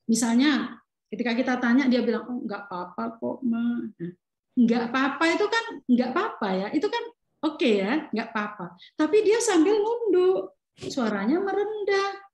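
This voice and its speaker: A high-pitched woman speaker gives an animated parenting lecture. She asks the audience questions and acts out short scenes between parent and child. Her voice rings through an echoey hall. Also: normal speed.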